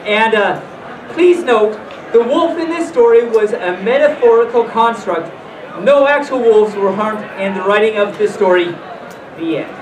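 Crowd noise surrounds a storytime host reading to a live audience in a medium-pitched, expressive voice at normal speed, playful and full of casual asides. The reader is in a full mascot costume in a hotel function room at a convention. The distant camera mic produces roomy, noisy audio.

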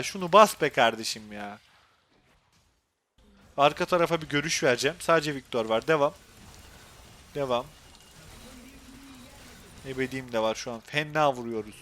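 A young man with a Turkish accent commentating his own gameplay on a live stream, excitable and quick to go from muttering to frustrated outbursts. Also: medium pitch, a little hiss or hum.

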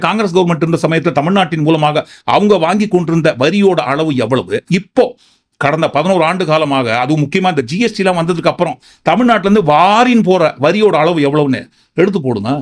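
A man giving political commentary, sarcastic and firing off rhetorical questions. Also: sits high.

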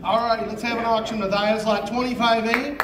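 A man's voice: extremely high pitch, little pitch movement, fairly quick. A man working as an auctioneer and announcer, calling a live auction with a repetitive number chant in a big indoor room. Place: large indoor hotel conference room. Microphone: audience phone camera, at a distance. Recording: distant echoey event hall with crowd.

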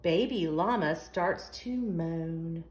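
A woman with a deep, darkish voice reads a picture book aloud slowly at a children's storytime. She reads expressively and in a sing-song way, asking the young listeners questions as she goes.

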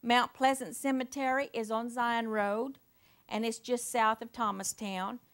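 A woman's voice: a little high, steady tone, a little slow, a bit bright. An older woman from Indiana giving an informal local history talk to an audience, reading from notes with folksy asides and fillers.

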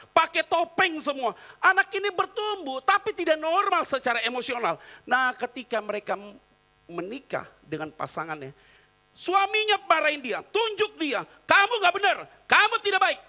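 A middle-aged man preaching a sermon in church, animated and quoting people in acted voices. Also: extremely high pitch. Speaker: pastor.

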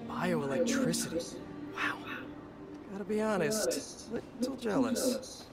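An actor playing a smooth, glad-handing male corporate executive in a video game cutscene, chummy and salesman-like with hesitant fillers. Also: on the high side, very animated, slow pace, loud music behind the voice, exaggerated voice. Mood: friendly. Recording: roomy game audio, distant, loud crowd.

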